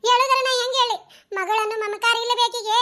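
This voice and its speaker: Female voice actor: squeaky, piercing cartoon village women, North Karnataka Kannada accent, rapid chattering delivery. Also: fairly even intonation. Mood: anxious. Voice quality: very high, bright and shrill. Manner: fast, chattering village talk. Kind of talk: cartoon dialogue acting.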